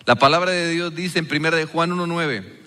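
A man's voice: on the high side, fairly quick, pushed and bright, long reverb tail. A man preaching a sermon, speaking earnestly and putting rhetorical questions to his congregation. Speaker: pastor.

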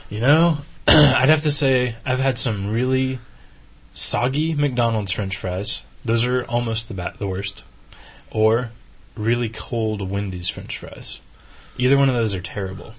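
A man's voice: mid-range voice, a little slow. A man co-hosting a casual comic podcast while sick with a cough, trading dry jokey asides. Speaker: podcast co-host.

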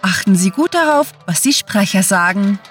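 A woman playing a flustered airline pilot making mock-calm announcements to passengers, stammering now and then. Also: mid-range voice, moderate pace, far from the mic, faint music behind, natural voice.

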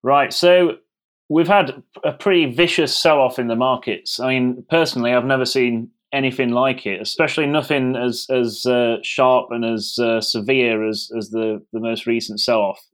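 Man hosting an interview, medium pitch. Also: steady tone, moderate pace. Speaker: podcast host, interviewer. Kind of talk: conversational interview.

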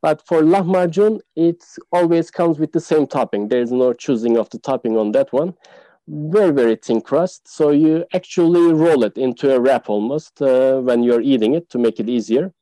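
A man, a tour guide, explaining local food in a casual podcast interview, pausing often with "uh". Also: medium pitch, mellow, no echo, poor audio. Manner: explanatory, many "uh" fillers.

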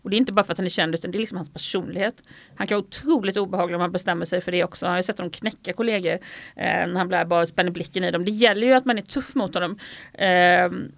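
A middle-aged Swedish sports journalist, appearing as an interview guest, talks frankly and with animation, sharing anecdotes. Her voice is lowish and gravelly, with no room sound.

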